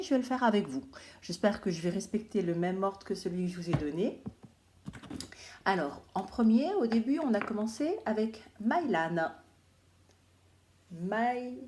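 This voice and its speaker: A woman from France giving a phonics lesson to young children, speaking slowly and clearly and repeating each word. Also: on the low side, mellow. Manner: slow, clear, repeats words syllable by syllable. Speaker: primary school teacher.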